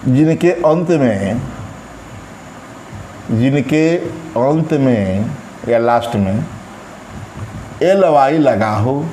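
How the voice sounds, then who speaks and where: Slow, deliberate male grammar teacher. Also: mid-range voice, a little mellow. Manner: slow, drawn-out, repeats words while writing on a board. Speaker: English teacher. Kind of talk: grammar lesson explained in Hindi. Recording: echoey room, faint background noise.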